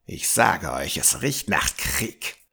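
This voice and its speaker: Gruff old bearded guy, as a man reads him, slow and grave, gravelly and husky, whispers now and then. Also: low voice, sing-song, pushed and bright, heavily acted. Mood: grave warning. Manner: slow, grave warnings, sometimes dropping to a whisper.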